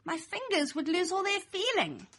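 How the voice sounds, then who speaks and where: This young adult woman's very high, slightly bright voice swings hugely in pitch as she reads a rhyming children's picture book at normal speed. Her storytelling is playful, sing-song, and expressive.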